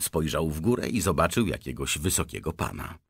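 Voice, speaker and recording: A man reading a children's audiobook aloud with expressive storytelling. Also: very deep voice, a little fast, vocal fry, husky, no echo, studio quality. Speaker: audiobook narrator.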